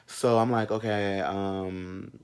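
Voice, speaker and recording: This man in his thirties has a clear, resonant voice on the low side, darkish in tone, and he speaks slowly in a level way. He's telling a personal story as a casual, animated storytime chat, candid and slangy, with sass and frequent asides.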